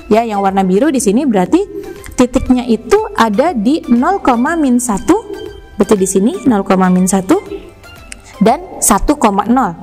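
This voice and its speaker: A woman's voice: on the high side, a little mellow. A woman math teacher from Indonesia with a Jakarta accent, explaining graphs step by step in a recorded lesson, with frequent tag questions to her students.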